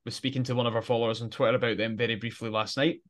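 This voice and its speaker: A man's voice: medium pitch, steady tone, rapid-fire, a bit bright. A man co-hosting a casual podcast, explaining at length and often restarting his sentences. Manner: explanatory, rambling with frequent restarts. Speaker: podcast co-host.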